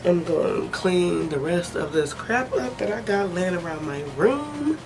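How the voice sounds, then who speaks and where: Speaking unhurriedly in a fairly low, expressive voice, a woman runs through a relaxed hair tutorial against background noise. A head cold makes her sniffly, but she keeps chatting, joking and talking to herself.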